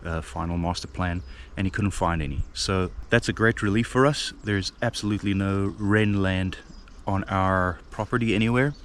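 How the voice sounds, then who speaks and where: A man's voice: sits low, fairly even intonation, moderate pace, hardly any pauses, slight background noise. A man from South Africa talking casually with lots of fillers as he vlogs outdoors on his farmland. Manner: rambling, with many fillers and restarts. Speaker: vlogger. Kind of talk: casual outdoor vlog talk.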